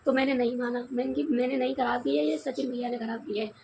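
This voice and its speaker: A young woman from India with a hoarse voice, telling her viewers a story in a casual, confiding vlog chat. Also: high-pitched, fairly even intonation, quick pace, warm tone, slight background noise. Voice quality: gravelly. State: hoarse from crying and shouting. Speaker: vlogger.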